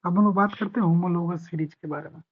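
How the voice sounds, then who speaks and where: A man teaching a chemistry revision class. He explains patiently, repeats key points, reads English definitions slowly and asks his students whether they understood. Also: high-pitched, steady tone, breathy edge. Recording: dull lo-fi recording.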